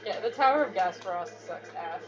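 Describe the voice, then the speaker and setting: A woman's voice: lowish voice, animated, fairly quick. A woman casually chatting and joking while playing a video game, giggly and playful. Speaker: co-host of a gaming channel. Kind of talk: casual let's-play chat. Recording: lo-fi capture over loud game music.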